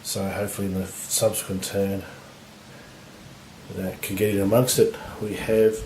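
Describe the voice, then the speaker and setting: A man with a husky voice from recent illness, giving relaxed, rambling commentary on a tabletop battle. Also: on the low side, moderate pace. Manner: relaxed, rambling, lots of fillers. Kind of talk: casual game commentary. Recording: echoey room with faint noise.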